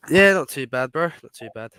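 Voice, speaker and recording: A man's voice: on the high side, expressive, brisk, very noisy. A British man giving his opinions as a guest on a casual football fan show.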